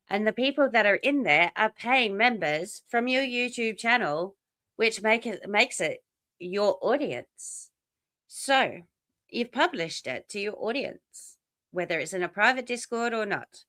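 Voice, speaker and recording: A woman's voice: a little high, sharp tone, dry recording. A woman guest on a casual livestream, blunt and indignant, swearing as she talks.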